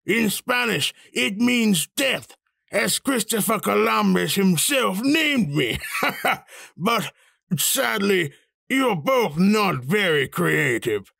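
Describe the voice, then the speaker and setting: A man voicing a sly, boastful male Honduras countryball in a cartoon, with a gravelly, mocking delivery. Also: high-pitched, big pitch swings, slow, bright, forceful tone, no room sound, clean studio sound, exaggerated voice. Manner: mocking, gloating. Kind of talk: cartoon voice acting.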